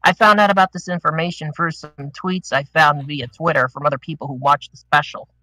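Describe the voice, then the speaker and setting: A man's voice: fairly high pitch, steady tone, brisk, sharp tone, low-quality recording. A man chatting on a group podcast call, a little out of breath and rambling through his points. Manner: rambling, restarts with "the thing is". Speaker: podcast panelist. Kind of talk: casual group discussion.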